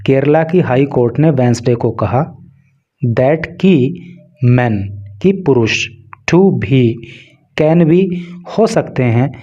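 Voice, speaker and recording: A man's voice: medium pitch, dark tone, highs cut off. A man with a Hindi accent teaching English through a newspaper, reading phrase by phrase and explaining each word's meaning in Hindi. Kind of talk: line-by-line newspaper translation lesson.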